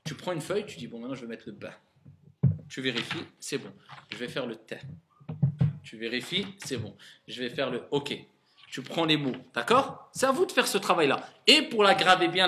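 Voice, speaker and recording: A man's voice: medium pitch, bright, forceful tone. A man teaching Arabic reading to a class as an imam, coaxing his students and repeating sounds for them to echo. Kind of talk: classroom lesson.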